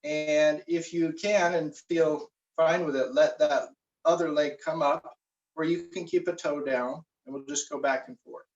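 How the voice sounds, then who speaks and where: A man leading a guided meditation and warm-up stretches, giving slow, relaxed instructions with frequent fillers. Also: fairly high pitch. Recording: roomy, distant, dull recording.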